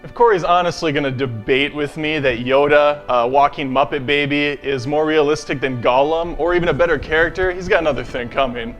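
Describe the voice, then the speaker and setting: A man's voice: a little high, brisk, hardly any pauses, a bit bright, faint music behind. Brash sarcastic young-sounding man. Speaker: comedy debater. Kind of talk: scripted comedic argument.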